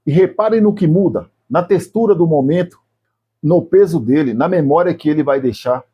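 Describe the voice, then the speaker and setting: A man with a Brazilian Portuguese accent hosting a reflective video essay, speaking slowly and deliberately to the viewer in short phrases. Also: fairly high pitch, husky, dull audio. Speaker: YouTube channel host.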